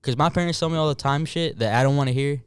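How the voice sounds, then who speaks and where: A man's voice: fairly high pitch, fast talker, clean tone, no room sound, clean studio sound. A man who is a Marine veteran and a podcast guest, talking casually in an earnest, reflective way. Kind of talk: casual chat.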